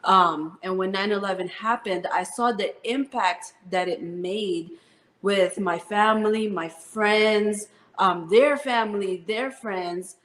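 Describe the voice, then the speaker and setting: A woman in her thirties, an Army first sergeant, speaks earnestly in an interview with plenty of "um"s. Her voice is mid-pitched and rings in a roomy space. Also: slow, fairly bright tone. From Philippines, raised in New Jersey. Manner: earnest, heartfelt storytelling with fillers. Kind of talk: interview conversation.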